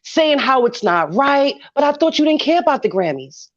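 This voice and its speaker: Dull lo-fi audio, woman, New York accent, higher pitch, emphatic, repetitive phrasing, heated casual talk. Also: big pitch swings, moderate pace. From Brooklyn, New York. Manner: emphatic, repeats phrases for effect. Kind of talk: heated casual group discussion.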